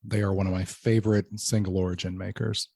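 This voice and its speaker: Male podcast host, mellow and lowish, measured explainer, dry close sound. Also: level tone, vocal fry, no echo. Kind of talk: casual podcast chat, guided tasting.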